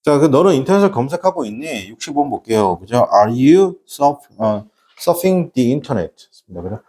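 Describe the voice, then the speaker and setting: Middle-aged guy teaching english to a class, jokey and chatty, voice jumps around a lot, warm mellow tone. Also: medium pitch, big pitch swings, unhurried. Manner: chatty, joking, constantly checks in with students. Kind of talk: classroom lecture.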